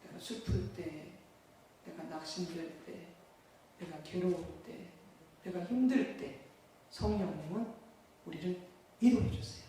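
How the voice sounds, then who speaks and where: A man's voice: high-pitched, measured pace, pauses often, dark tone, a little hiss or hum. A man preaching a sermon in a church hall, asking the congregation questions and answering them himself. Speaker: pastor. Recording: echoey hall, mic far off.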